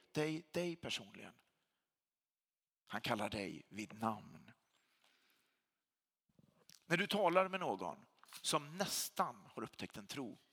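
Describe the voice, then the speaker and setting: With a long, church-like hall reverb behind him, this pastor delivers his sermon emphatically, leaning on repeated phrases to press his points. His voice is bright, a bit husky, a little high, and rises and falls in broad, lively sweeps.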